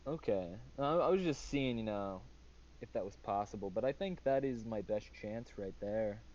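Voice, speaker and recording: Hesitant man with a lowish voice, gaming. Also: lively intonation, moderate pace, darkish tone. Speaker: tabletop game player. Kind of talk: casual game chat. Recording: dull lo-fi mic, background noise.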